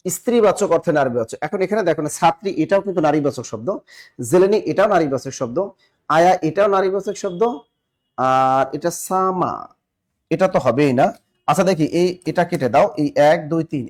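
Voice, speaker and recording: Upbeat bangladeshi guy teaching an exam prep class, kinda high voice, keeps repeating answers and asking viewers. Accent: Bangladeshi Bengali. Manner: energetic, repeats key answers and quizzes viewers.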